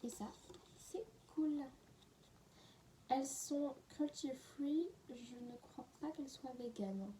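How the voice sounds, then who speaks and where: A woman's voice: sits high, slow pace, warm tone, a little hiss or hum. A woman in a casual, unedited beauty haul, chatting away and often dropping into a half-whisper. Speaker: beauty vlogger.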